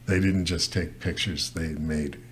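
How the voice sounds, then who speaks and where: A Canadian photojournalist in his sixties speaks casually in an extremely low voice with fairly even intonation and a measured pace. He's an interview guest at a desk mic on a stand in a brick-walled studio set, rambling with lots of restarts and fillers. A little hiss or hum is audible.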